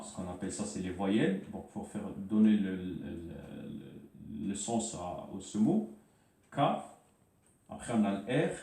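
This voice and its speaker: A man giving an informal Arabic writing lesson, hesitating and repeating words as he spells out sounds slowly. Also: low voice, dark tone, echoey room, distant mic. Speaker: Arabic teacher. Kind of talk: informal spoken lesson at a board.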